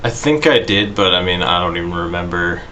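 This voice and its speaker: A man co-hosts a casual podcast, talking in a relaxed way and laughing often. His voice sits a little low but has a bright, forward edge. A faint hiss of background noise sits under the recording. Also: brisk. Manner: laid-back, laughs often, says "like" and "you know". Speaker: podcast co-host. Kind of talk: casual chat.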